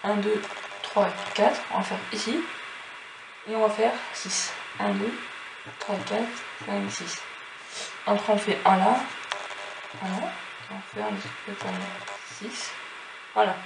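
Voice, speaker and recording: A man's voice: high voice, expressive, takes it slowly, gravelly, pauses often. Sniffly man counting squares aloud. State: stuffy, sniffling from a cold. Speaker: tutorial host. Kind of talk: casual step-by-step tutorial. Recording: echoey room with background noise.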